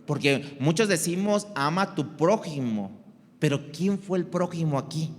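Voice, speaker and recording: A man preaching a sermon in a conversational way, asking the congregation rhetorical questions. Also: a little high. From Mexico. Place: church hall. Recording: long reverb of a church hall.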